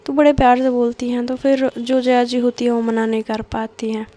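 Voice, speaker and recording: A woman's voice: a little high, level tone, a little fast, mellow. A young adult woman narrating a family story in a chatty, casual way, with asides to her listeners.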